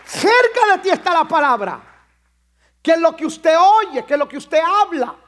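Very high-pitched man preaching emphatically. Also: sing-song, moderate pace, some chatter behind. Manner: emphatic preaching, rising to shouts at climaxes. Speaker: pastor. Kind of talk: sermon.

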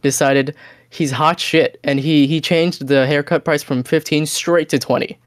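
A man's voice: on the high side, steady tone, unhurried, no room sound, clean studio sound. A young man chatting casually on a podcast, telling stories in a laid-back way with blunt asides. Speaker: podcast co-host. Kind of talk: casual chat.

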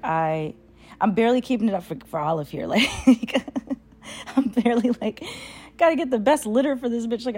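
Woman, slightly low voice, casual vlog chat, rambling, slangy, candid, foul-mouthed. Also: a little mellow, slight background noise. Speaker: solo vlogger and podcaster.

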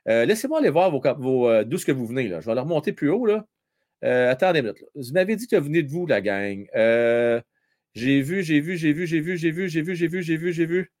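Host, Quebec French man, lively teasing live-stream chatter, slightly high voice. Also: brisk. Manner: chatty, teasing, repeats himself, many fillers. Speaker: live stream host reading viewer chat during a hockey game. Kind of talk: casual live chat with hockey updates.

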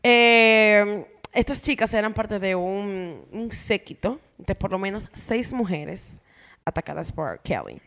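A woman's voice: mid-range voice, expressive, takes it slowly, fairly bright tone. A woman with a Dominican Spanish accent telling stories casually as a podcast co-host, using slang and slipping in English phrases. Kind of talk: casual conversational storytelling.

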